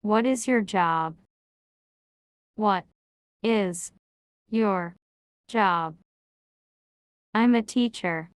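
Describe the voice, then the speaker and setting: A woman teaching English, reading each question and answer, then repeating it word by word with long pauses. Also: mid-range voice, smooth, dry recording, clean studio sound. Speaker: language teacher. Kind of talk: slow word-by-word English drill.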